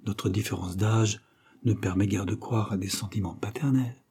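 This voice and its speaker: A man's voice: fairly low pitch, fairly even intonation, normal speed, darkish tone, husky. A man voicing a coy, scheming woman nurse who talks in a coaxing, sweet-talking way.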